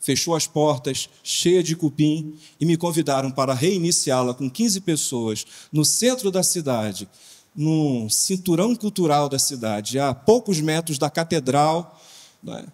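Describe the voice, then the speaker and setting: Brazilian male pastor on a panel, slightly high voice, lively slangy storyteller, long hall reverb. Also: unhurried. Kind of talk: storytelling talk on a conference panel. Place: conference hall.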